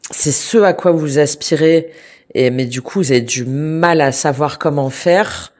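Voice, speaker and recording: Her voice sits low and runs a little slow, stuffy from a cold, as she interprets tarot cards for her viewers. Fillers and restarts pile up while she circles back, but she remains gentle and reassuring throughout.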